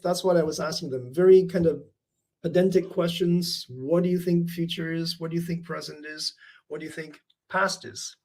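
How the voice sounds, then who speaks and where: The audio is rough as a man from Canada, his voice a little high, is interviewed conversationally about his art. He comes across as thoughtful and reflective, with lots of fillers and restarts.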